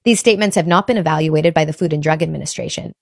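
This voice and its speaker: A woman giving a clear, explanatory scripted ad read. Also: sits low, quick pace, no room sound, clean studio sound. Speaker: ad reader.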